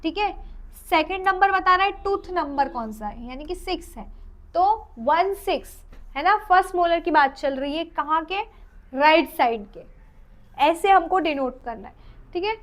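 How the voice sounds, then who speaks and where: A woman with an Indian accent teaching a dental anatomy lecture. She reads English lines slowly, then explains them in Hindi with questions to the class, and counts teeth aloud under her breath. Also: very high voice, animated. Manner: counts teeth aloud while drawing, trailing off softly. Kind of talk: exam-oriented lecture.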